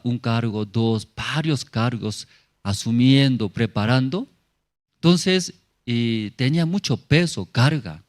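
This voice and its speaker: Man preaching in halting, broken Spanish. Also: mid-range voice, a little mellow. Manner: simple broken phrasing with frequent tag questions. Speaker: pastor. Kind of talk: sermon testimony. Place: church in La Paz.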